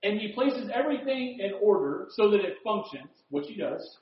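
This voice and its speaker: A man preaching a sermon in a conversational way, posing rhetorical questions and swinging between loud emphasis and quiet asides. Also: sits high, sing-song, normal speed. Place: room with a board. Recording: roomy, dull lo-fi recording.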